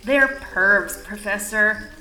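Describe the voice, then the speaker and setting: A woman's voice: mid-range voice, slow, pushed and bright. A woman voicing a foul-mouthed, angsty goth teenage witch girl who swears and bursts out melodramatically. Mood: snarling. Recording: roomy echo, faint music.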